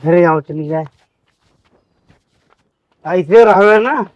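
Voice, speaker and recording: A man's voice: high-pitched, very slow, no echo. A man playing a mischievous village drinking buddy in a comedy sketch, cajoling and bossy, with an Awadhi accent. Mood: coaxing.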